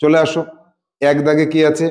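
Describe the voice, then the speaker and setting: A man with a fairly high voice walks students through a grammar worksheet. He repeats key words and reads each English example slowly, step by step. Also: completely flat delivery, darkish tone.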